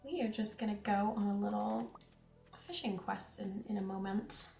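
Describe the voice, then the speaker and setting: This young streamer from Canada, central Canadian accent, chats with viewers over a farming game, reading chat and tossing in giggly asides. Her medium-pitched voice is creaky and dark, at normal speed, in an echoey room with faint music behind.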